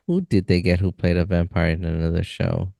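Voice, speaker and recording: A man's voice: low voice, level tone, brisk, gravelly, dark tone, dry recording, clean studio sound. A man co-hosting a podcast in casual chat, talking eagerly with slang and easy laughter. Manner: enthusiastic, says dude and freaking, laughs easily. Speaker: podcast co-host.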